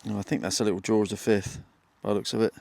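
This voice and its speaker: A man's voice: lowish voice, flat delivery, fast talker, creaky, darkish tone. A British man in his fifties chatting casually to viewers in an understated way, as a metal detecting vlogger out in an open field. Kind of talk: casual outdoor vlog narration. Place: outdoors in an open grassy field.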